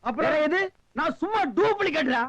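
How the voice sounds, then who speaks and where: An actor playing a quarrelsome comic beggar, squabbling and mocking in a film comedy scene. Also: male voice, extremely high pitch, lively intonation, a little fast, fairly bright tone, no room sound. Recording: dull dry old film audio.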